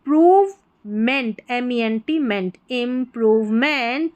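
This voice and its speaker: A woman gives a patient English reading lesson. She speaks slowly and deliberately in a fairly high voice, spelling out each word letter by letter before saying it whole and explaining what it means. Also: expressive, darkish tone. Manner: spells words letter by letter, then explains pronunciation and meaning.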